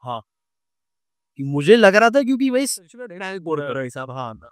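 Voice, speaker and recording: A young man with a Delhi Hindi accent telling a true ghost story on a podcast, animated and acting out the scenes. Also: sits high, moderate pace, clear, resonant tone, no echo, studio quality. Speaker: podcast guest.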